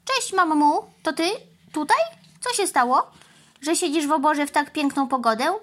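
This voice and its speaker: A fussy, greedy male crow from a children's storybook, squawking "kra" and firing off brisk, evasive retorts, as a woman reads him. His voice is pitched very high, above a plain speaking voice. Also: expressive, a bit bright.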